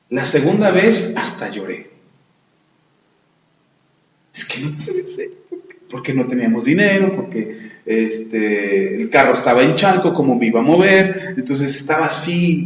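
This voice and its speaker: A middle-aged man, preaching a sermon in an earnest, animated way, often with rhetorical questions. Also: on the high side. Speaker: pastor. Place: church. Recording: very echoey church room.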